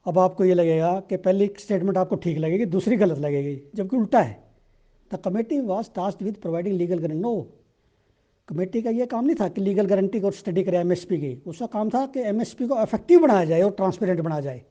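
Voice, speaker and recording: A man with an Indian accent, teaching exam questions in a conversational way and reading statements aloud slowly. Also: sits high, dark tone, lo-fi sound. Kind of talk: explaining current-affairs exam questions.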